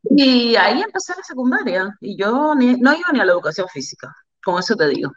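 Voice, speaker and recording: A woman's voice: on the high side, fairly quick, highs cut off. Candid Cuban woman telling her story. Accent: Cuban Spanish. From Cuba. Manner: animated, candid, repeats phrases for emphasis. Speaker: interview guest, volleyball player. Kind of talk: storytelling in an interview.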